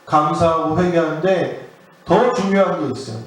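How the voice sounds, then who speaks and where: A middle-aged man, a pastor, preaching an earnest sermon with drawn-out stresses. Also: on the high side, a crowd in the background. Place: church sanctuary. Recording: echoey church hall, mic at a distance.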